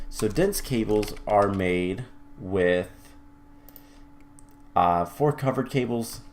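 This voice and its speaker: A man's voice: lowish voice, a little mellow, slight background noise. A man hosting a game let's-play who explains his building as he goes, thinking aloud with fillers and restarts and the odd wry aside. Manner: mildly wry, self-correcting. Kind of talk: casual gameplay commentary.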